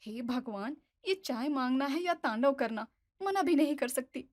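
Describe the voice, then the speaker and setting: A tired, exasperated young daughter-in-law, as a woman puts her on, forever muttering complaints under her breath in a family audio story. Her voice is high and light, pitched above the narrator's own. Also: expressive, normal speed. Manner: mutters grumbling asides to herself.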